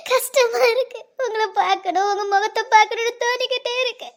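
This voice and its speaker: Woman as heartbroken young woman, sobbing and begging; very high, thin voice. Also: steady tone, a little fast. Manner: sobbing, begging, repeating herself. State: crying. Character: heartbroken young woman clinging to her departing lover. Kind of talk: Tamil web drama voice acting.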